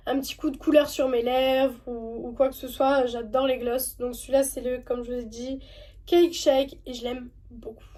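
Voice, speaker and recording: A young woman with a French accent talks through her favourite makeup in a relaxed home vlog. Her voice sits high, and she rambles with fillers and false starts. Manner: chatty, hesitant, many fillers and restarts. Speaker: beauty vlogger. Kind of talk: casual makeup review vlog.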